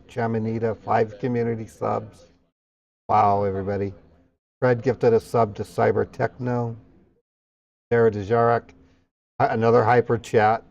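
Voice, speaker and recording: A man's voice: on the low side, creaky, darkish tone. Lo-fi male streamer reading out subathon hype. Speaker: livestream host. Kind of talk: subathon hype, rapidly reading out donations and thanking viewers.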